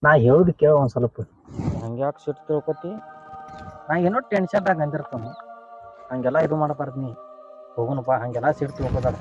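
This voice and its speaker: A man's voice: sits high, lively intonation, quick pace, faint music behind. An actor playing an anxious young man who coaxes and pleads with his bride-to-be, speaking with a North Karnataka Kannada accent in a comic short film. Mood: soothing. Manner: pleading, coaxing. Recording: muffled sound with loud background noise.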